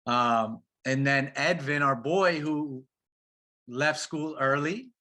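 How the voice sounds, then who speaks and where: A man, a professional soccer player, talking as a guest in a casual interview, animated and slangy, calling his host bro and man. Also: medium pitch, takes it slowly.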